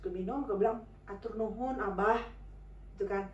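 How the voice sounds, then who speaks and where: A woman's voice: mid-range voice, fairly quick, darkish tone, roomy sound, recorded from a distance, lo-fi sound. A woman telling a personal story in a chatty, informal way, full of fillers and acted-out dialogue. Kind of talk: casual spoken storytelling.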